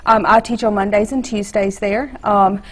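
A woman speaks as a guest on a TV studio interview. Her voice sits at a middle pitch and she talks in a chatty, halting way. She is recorded on a lapel mic. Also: fairly even intonation, fairly bright tone, slight background noise. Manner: chatty, halting with fillers and restarts. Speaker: art teacher. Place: TV news studio set, seated.

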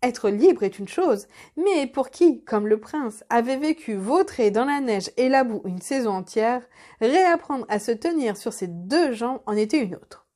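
A woman reading a children's fairy tale aloud in a measured, expressive way. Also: on the high side. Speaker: storyteller.

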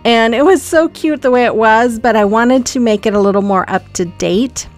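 A woman's voice: fairly high pitch, normal speed, faint music behind. A woman hosting a casual craft tutorial voice-over, chatty and rambling with frequent ums and restarts. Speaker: craft channel host.

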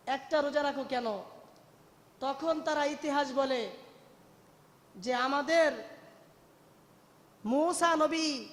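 High-voiced preacher chanting in a long hall. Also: male voice. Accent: Bangladeshi Bengali. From Bangladesh. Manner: melodic rising and falling delivery, emotional, addresses listeners as brothers. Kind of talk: Bengali waz sermon, chanted storytelling.

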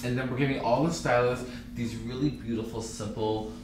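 A man's voice: medium pitch, fairly even intonation, a little fast. A man in his thirties, an interior designer, walking someone through a redesigned spa and explaining the changes with enthusiasm and lots of fillers like "um" and "kinda.". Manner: enthusiastic, gesturing, filler-heavy. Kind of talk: walkthrough tour explanation. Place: indoor spa salon, echoey rooms. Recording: echoey rooms with room noise.

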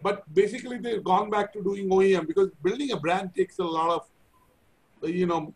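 A man's voice: high-pitched, a little fast, poor audio. A middle-aged man with an Indian accent, hosting an interview in a chatty, self-deprecating way over a video call. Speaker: interview host. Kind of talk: conversational interview. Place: indoor room, video call.

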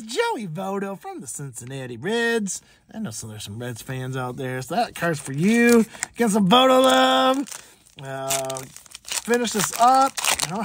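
A man with a high, fairly bright voice hosts his channel as a card collector, casually narrating a pack opening. He is chatty and rambling, with lots of fillers.

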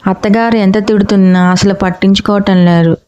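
A woman's voice: mid-range voice, steady tone, fairly quick, mellow, smooth. A woman reading a family drama story aloud, speaking each character's lines in her own voice. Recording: muffled lo-fi recording.

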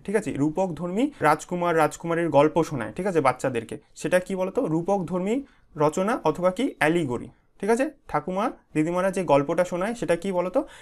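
A man with a Bengali accent teaches an exam-prep vocabulary lesson in a slightly raised voice. He spells out long words slowly, syllable by syllable, and keeps asking whether the class is following. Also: on the high side. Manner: repeats "ঠিক আছে?" constantly, drills pronunciation syllable by syllable. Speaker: online English teacher.

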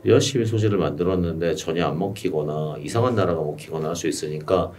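A middle-aged man who is a YouTube coach talks fast in a deep, somewhat mellow voice, giving one-on-one consulting advice in a small studio room. He explains steadily and patiently, recorded by a desk mic on a stand some distance away, with faint room noise.

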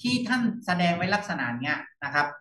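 A man, a monk, teaching monastic discipline over a video call in an unhurried way, repeating phrases and softening them with polite particles. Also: high voice, very animated, reverberant, recorded from a distance, poor audio.

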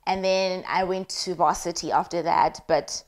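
A woman's voice: fairly low pitch, moderate pace. A young South African woman with a South African accent, casually telling a personal story while cooking, acting out the people she quotes. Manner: animated, acts out quoted voices, mixes in isiZulu. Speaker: cooking vlogger.

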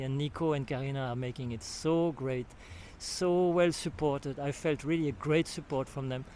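Holding a handheld recorder near his mouth, an older man from Switzerland with a French accent gives a retreat testimonial outdoors at a beach camp. His voice is a little high and a little mellow, he often searches for words and begins again, and a slight hiss or hum is audible.

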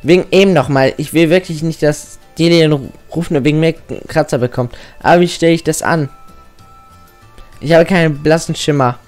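A man's voice: on the high side, moderate pace, darkish tone, faint music behind, voice pushed up, lightly acted. A man reading out Hop, an eager teen rival. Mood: earnest. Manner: reading game dialogue aloud, earnest and keen. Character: eager teenage boy rival trainer.

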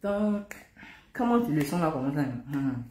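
A woman's voice: low-pitched, animated, unhurried, mellow. A woman, chatting playfully and joking as she breaks into song, a little out of breath. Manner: playful, chatty, breaks into sung worship lines. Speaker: singer. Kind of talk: casual chat with singing. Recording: echoey room with music behind.

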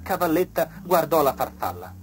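A woman reading a children's story aloud in an expressive storytelling manner. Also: low voice, normal speed, slight background noise.

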